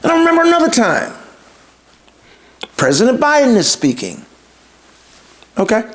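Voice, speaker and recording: A man's voice: very high-pitched, wildly swooping pitch, normal speed, fairly bright tone. A man hosting his show, giving an emphatic opinion monologue, repeating himself for stress and firing rhetorical questions at his listeners. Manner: talks straight to the audience with rhetorical questions. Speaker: podcast host.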